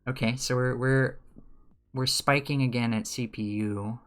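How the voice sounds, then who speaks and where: A man's voice: medium pitch, steady tone, a little slow, a bit bright, soft background music. A man who teaches, chatting casually while streaming game development, rambling, with dry sarcastic asides. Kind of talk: casual livestream chat.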